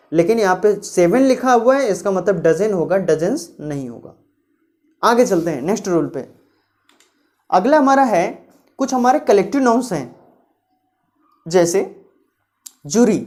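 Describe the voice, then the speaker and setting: A woman teaching English grammar, explaining rules patiently and reading example sentences slowly and clearly. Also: medium pitch, warm tone. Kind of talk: classroom grammar lecture.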